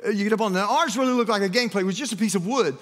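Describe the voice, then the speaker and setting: Guy pastor preaching, high voice, folksy rambling story, big echoey church hall. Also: racing, a bit bright. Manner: folksy storytelling with many asides. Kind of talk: sermon. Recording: long reverb of a church hall.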